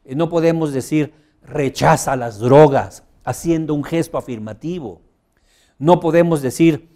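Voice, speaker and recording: A man teaching public speaking in a teleseminar, deliberately raising and lowering his voice for emphasis, with frequent hesitations and a slow, measured delivery. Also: warm tone. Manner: strongly modulated, rising and dropping volume for emphasis. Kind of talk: teleseminar lecture.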